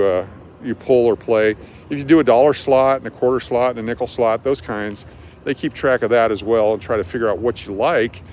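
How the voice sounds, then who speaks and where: A man with a medium-pitched, slightly mellow voice hosts a livestreamed walking tour at night, chatting casually as he explains things. He works as a street tour guide on city streets outdoors, and the audio is noisy with passing traffic.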